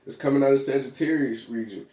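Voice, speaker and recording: A man's voice: medium pitch, quick pace, warm tone. A man vlogging in a casual, rambling monologue, full of slang, fillers and restarts. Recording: echoey room.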